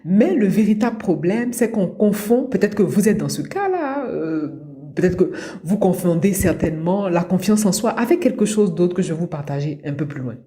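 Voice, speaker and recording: Speaking at a moderate pace in a lowish, expressive, warm voice, this coach and podcast host from Abidjan, Ivory Coast delivers a motivational talk. The middle-aged woman is didactic and repeats her main points to drive them home.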